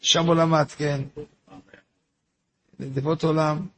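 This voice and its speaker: A rabbi tells a long story during a Torah lesson, his voice fairly high and full of gravel. He has a husky, raspy edge. He repeats himself, poses his own rhetorical questions and breaks off to ask his listeners things. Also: level tone, fairly bright tone. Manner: repetitive, asks himself rhetorical questions, informal asides to listeners.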